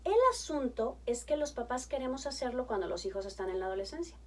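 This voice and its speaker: A woman in her thirties, a family therapist, giving conversational parenting advice, lively and acting out chats with her children. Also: fairly high pitch, quick pace, recorded from a distance. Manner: animated, acts out chats with her kids in a bright coaxing tone.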